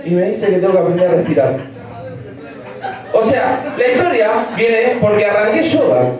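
A man in his twenties with an Argentine Rioplatense accent, performing a crude, excitable stand-up routine with shouted bursts. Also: sits high, normal speed. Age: 20s. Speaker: stand-up comedian. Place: piano bar stage with live audience. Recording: echoey bar room, mic far off, audience noise.

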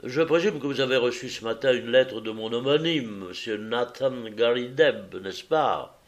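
A man doing a loud, brusque foreign visitor. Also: medium pitch, moderate pace, natural voice. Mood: insistent. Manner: loud, insistent, slightly suspicious. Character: brusque, touchy foreign male visitor, middle-aged.

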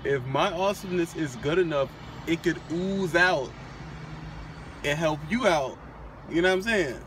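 A young man vlogging from a parked car in a relaxed, bragging tone, full of slang and cursing. He is picked up by a phone camera on the dashboard. Clear outdoor traffic noise runs underneath his voice. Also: fairly high pitch, moderate pace. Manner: boastful, laid-back, slangy and profane. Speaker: vlogger, aspiring trucker. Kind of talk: casual chat.

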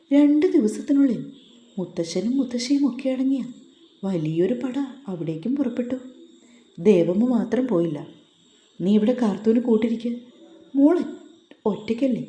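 A woman narrating a romance story in a slow, steady reading voice. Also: fairly high pitch, lo-fi sound. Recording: roomy echo.

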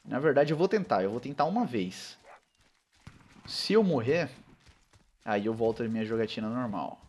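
A young man with a Brazilian Portuguese accent giving casual, slangy commentary over his own gameplay, with excitable loud outbursts. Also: mid-range voice, normal speed. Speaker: gaming channel host.

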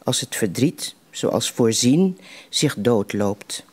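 A man reciting poems in a slow, measured way, with deliberate pauses between lines. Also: medium pitch, animated, slightly rough. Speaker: poetry reciter at a literary evening.

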